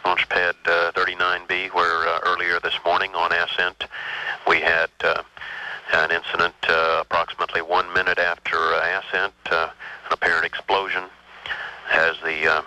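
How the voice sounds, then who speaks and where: A man making official status announcements from mission control, halting and full of fillers, heard through a relayed radio transmission that sounds like a sci-fi communicator. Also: sits low, monotone, pushed and bright, clear, resonant tone. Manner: halting, filler-heavy delivery. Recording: dull lo-fi radio feed with faint hiss.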